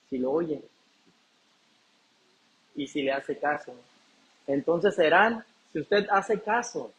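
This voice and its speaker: A man's voice: fairly high pitch, dull audio. A man preaching a sermon as pastor, asking the congregation questions and answering them himself.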